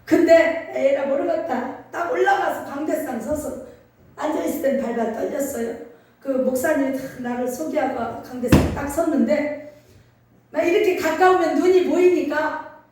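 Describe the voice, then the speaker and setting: A middle-aged woman pastor with a Chungcheong Korean accent preaches in a lively, emphatic way, calling for answers from the congregation. Her high voice comes from a distance across a very echoey church hall. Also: moderate pace, a little hiss or hum. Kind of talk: sermon. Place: church sanctuary.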